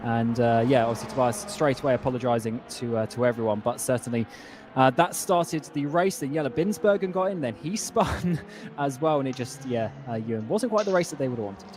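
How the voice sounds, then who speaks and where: Male race commentator over loud engines. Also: medium pitch, brisk, a little hiss or hum. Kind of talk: motorsport broadcast commentary.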